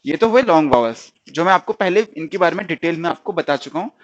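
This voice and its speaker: A man's voice: on the high side, expressive, dull audio. Man drilling vowel sounds in class. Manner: explains slowly and repeats sounds and words for drill; keeps checking the class with "okay?" and "understood?". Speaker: stenography teacher. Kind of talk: classroom lesson.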